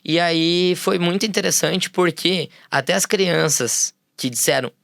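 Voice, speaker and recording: A man, a music therapist and school founder, telling stories as a podcast guest in a relaxed way with many fillers. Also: a little high, unhurried, vocal fry, no room sound, clean studio sound. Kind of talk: casual interview storytelling.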